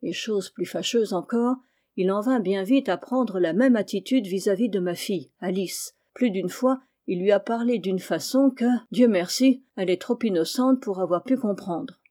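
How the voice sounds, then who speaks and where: A woman's voice: mid-range voice, moderate pace, warm tone, close to an everyday voice. A woman reading the part of an anxious middle-aged landlady and mother, agitated and earnest, in an audiobook.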